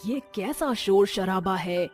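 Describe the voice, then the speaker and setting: A woman's voice: medium pitch, animated, slow pace, faint music behind. Woman doing a haughty city mother-in-law. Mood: scornful. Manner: scornful, scolding.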